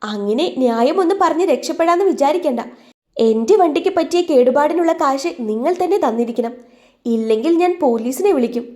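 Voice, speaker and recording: Casting: a woman voicing a feisty sharp-tongued girl, high and shrill, bickering nonstop in a storybook. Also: animated, a little fast. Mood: indignant. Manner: indignant, shrill complaining. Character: sharp-tongued short young woman, quarrelsome.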